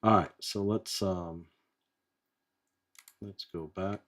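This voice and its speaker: A man's voice: low-pitched, fairly even intonation, takes it slowly, a bit bright. A man hosting a live online session, thinking aloud in casual chat as he clicks through settings. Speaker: host running a live software test.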